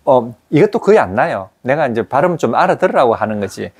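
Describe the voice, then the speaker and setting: Male grammar teacher, mid-pitched, drills phrases by repetition. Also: very animated, darkish tone. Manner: explains slowly, drills pronunciation with repetition. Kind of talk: classroom grammar lesson.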